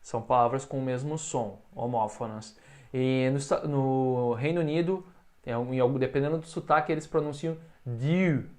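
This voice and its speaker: Man teaching English, slow repeated phrases. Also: mid-range voice. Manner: explains in Portuguese, models English phrases slowly for repetition. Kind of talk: recorded online English lesson.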